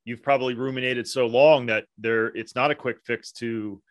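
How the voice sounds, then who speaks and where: Podcast co-host guy, medium voice, thinks out loud and asks stuff, dry sound. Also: mid-range voice, steady tone, moderate pace, no room sound. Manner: thoughtful, asks questions. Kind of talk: casual podcast chat.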